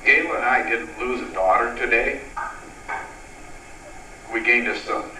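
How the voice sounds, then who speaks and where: Casting: middle-aged father of the bride, sentimental wedding toast, mid-pitched voice, recorded from a distance in a noisy room. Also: measured pace, sharp tone, reverberant.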